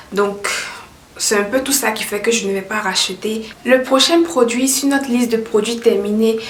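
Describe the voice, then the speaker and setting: A woman chatting casually as a hair care vlogger, upbeat and repeating herself, her voice carrying a heavy echo. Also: on the high side. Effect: heavy echo around the voice. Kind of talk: casual product review. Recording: echoey room, voice far from mic.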